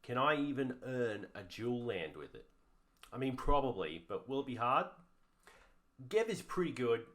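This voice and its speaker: A man's voice: medium pitch, sing-song, moderate pace, a bit bright. A man co-hosting a comedic card review in a put-on broad Australian accent, hamming it up with slang. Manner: playful, hammy Aussie slang. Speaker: co-host.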